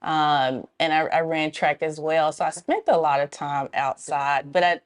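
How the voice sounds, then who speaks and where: A woman with a low-sitting voice speaks at a measured pace. She's a club co-founder from Memphis, Tennessee, appearing as an interview guest in a casual conversation, friendly and explanatory and laughing often.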